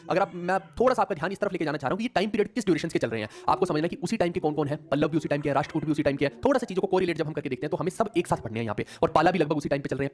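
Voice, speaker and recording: A male history teacher giving an online exam-prep class in Hindi mixed with English, teasing students and often asking "है ना?" to check in. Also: fairly high pitch. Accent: Hindi with English words mixed in. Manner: rapid, teasing, repeatedly checks in with "है ना?"; jokes with students mid-lesson.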